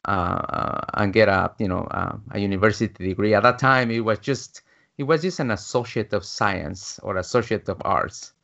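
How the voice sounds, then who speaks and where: A man's voice: on the low side, normal speed, creaky, fairly bright tone. A man in his fifties from Guatemala, a business coach telling his life story as an interview guest, with many fillers and restarts. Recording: dull lo-fi audio.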